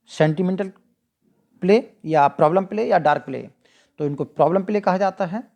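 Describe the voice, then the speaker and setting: Slow, gravelly Indian-accented teacher. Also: mid-range voice, a little mellow. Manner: reads English questions slowly, then explains at length; asks the listener and answers itself. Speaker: English exam-prep teacher. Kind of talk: explaining multiple-choice questions.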